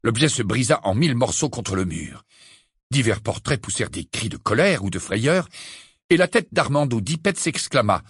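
Husky man reading an audiobook. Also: mid-range voice, moderate pace, dry recording, clean studio sound. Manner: expressive, dramatic reading. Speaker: audiobook reader. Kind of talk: scripted narration.

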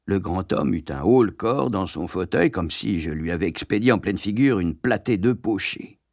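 Brief: composed male storyteller, low voice, dry close sound. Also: normal speed, no room sound. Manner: calm, storytelling delivery. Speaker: narrator. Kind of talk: scripted audiobook narration.

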